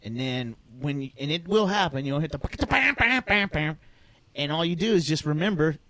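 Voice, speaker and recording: Loud, joking man in casual banter. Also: fairly high pitch, lively intonation, fairly quick, slight background noise. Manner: crude, joking, bursts into loud shouted bits. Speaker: podcast co-host. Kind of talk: casual chat.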